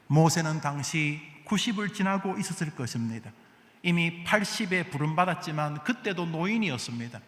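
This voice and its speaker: A male pastor preaching a Sunday sermon, asking the congregation questions and answering them, swinging between soft asides and loud exhortation. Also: a little high. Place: large church sanctuary. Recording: echoey hall with long reverb.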